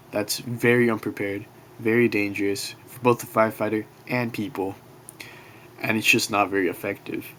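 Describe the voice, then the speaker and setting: A young man with a lowish voice presents a class project from his bedroom, speaking quietly and casually. He is self-conscious and apologizes as he rambles loosely, and faint noise drifts in from the street beside his apartment.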